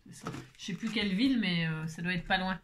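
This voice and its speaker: A woman's voice: on the low side, fast talker, fairly bright tone, a little hiss or hum. A woman papercraft vlogger chatting casually as she opens her mail, playful and full of exclamations. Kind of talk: casual chat while opening mail.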